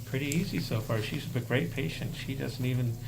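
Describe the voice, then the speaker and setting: A chatty woman dentist talks in a very low voice, keeping things informal and reassuring as she works. The recording has loud hiss from the treatment room. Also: a little fast, gravelly. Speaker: oral surgeon or dentist treating a patient. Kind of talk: casual chat while working.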